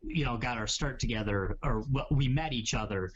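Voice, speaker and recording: A man's voice: medium pitch, normal speed, lo-fi sound, slight background noise. A man hosting a casual podcast chat, talking in rambling, hedging sentences full of asides. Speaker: podcast host.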